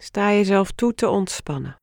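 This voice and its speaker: A woman guides a relaxation session with calm, soothing instructions. Her voice sits at a medium pitch and she takes her time between short phrases. The sound is dry, with no room around it. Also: moderate pace, vocal fry, no echo.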